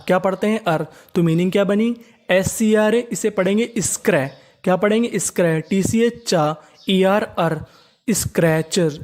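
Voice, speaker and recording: A mid-pitched teacher voice running an English reading drill. The teacher spells each word letter by letter and poses quick questions to the viewer. Each word is answered and then drawn out slowly in repetition. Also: darkish tone. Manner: slowly repeats each target word several times. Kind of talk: spoken lesson spelling out English words in Hindi.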